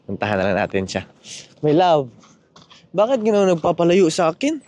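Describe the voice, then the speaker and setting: A man's voice: on the high side, sing-song, moderate pace, a little mellow. A young man vlogging casually outdoors in the rain, coaxing and pleading with his girlfriend and repeating pet names. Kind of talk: casual vlog chat.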